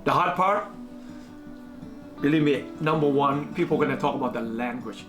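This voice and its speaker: A speaker from Thailand gives interview answers in hesitant, halting English, pausing to search for words and leaning often on "you know." His voice sits at an ordinary middle pitch, with a quiet music bed underneath.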